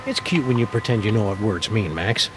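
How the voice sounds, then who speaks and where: Man playing a wry, lively cartoon dog detective. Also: on the low side, brisk, background noise, natural voice. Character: dry, level-headed male cartoon dog detective. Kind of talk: cartoon video game acting.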